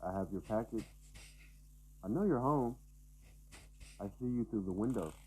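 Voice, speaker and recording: A man's voice: fairly low pitch, expressive, moderate pace, dark tone, slight background noise, voice pushed up, close to an everyday voice, poor audio. A man voicing a creepy male stalker who taunts someone through a door. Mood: taunting. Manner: taunting, menacing.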